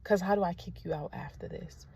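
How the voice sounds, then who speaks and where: A young woman teacher, giving a candid vlog update straight to her viewers, often soft and subdued. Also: lowish voice, a little fast, a little hiss or hum.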